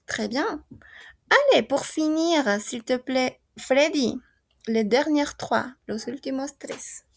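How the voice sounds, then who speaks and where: A woman teaching French to a class, patiently modelling and repeating every word. Her voice sits a little high and carries a gravelly, creaky edge, and she takes her time. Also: expressive, slow. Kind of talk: language lesson.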